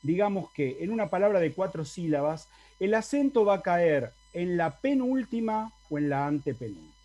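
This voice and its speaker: A university Latin teacher with an Argentine Spanish accent delivers an online lecture over video call in a warm, high-pitched voice with big pitch swings at normal speed. He explains and often asks the class to confirm.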